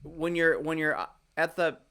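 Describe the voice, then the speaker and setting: A young man co-hosting a casual sports podcast, talking in a measured, rambling way with frequent restarts. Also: fairly high pitch, flat delivery, sharp tone, clean tone. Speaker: podcast co-host.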